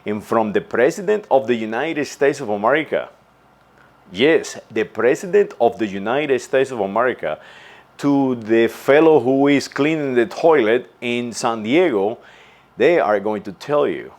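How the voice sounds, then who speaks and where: A man with an expressive, mid-range voice gives an unscripted commentary as a channel host. His monologue is earnest and insistent, but halting, full of stumbles, restarts and repeated words before he moves on.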